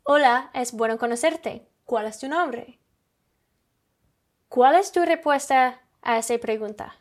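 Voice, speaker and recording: A woman's voice: on the high side, slow. A woman whose first language is English, teaching an English lesson in careful, non-native Spanish.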